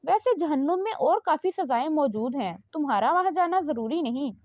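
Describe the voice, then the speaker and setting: A cocky young army officer with quick comebacks, as a woman narrator puts him on. The voice sits high and moves lively, in a dull, dry, lo-fi recording. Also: no echo. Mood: teasing. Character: sharp-tongued young army officer man, teasing.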